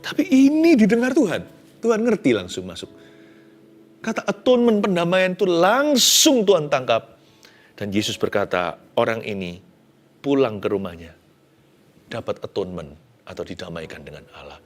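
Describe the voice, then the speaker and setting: A man, a pastor, preaching a sermon in a conversational, animated way. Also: medium pitch, moderate pace, long pauses.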